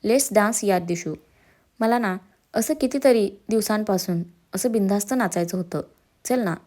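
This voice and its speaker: A woman's voice: mid-range voice, a little slow, a little mellow, lightly acted. A woman voicing a playful, teasing young man in a romance story, with a slightly raised voice. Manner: teasing, jokey.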